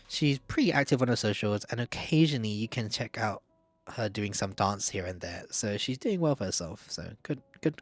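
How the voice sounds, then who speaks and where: A man giving casual, candid opinion commentary in a chatty way, often hedging with "like" and "I don't know". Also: fairly low pitch. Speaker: video essayist.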